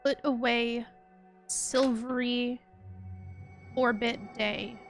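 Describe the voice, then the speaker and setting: Sex: woman. Role: streamer. Style: casual game commentary. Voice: somewhat high, chatty, with game music faintly behind. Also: very slow, creaky. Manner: chatty, excitable, self-deprecating.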